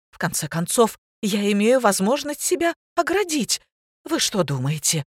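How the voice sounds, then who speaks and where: A woman doing a haughty, shrill woman. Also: no room sound, studio quality. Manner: shrill, indignant, imperious. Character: loud, haughty middle-aged woman, indignant employer.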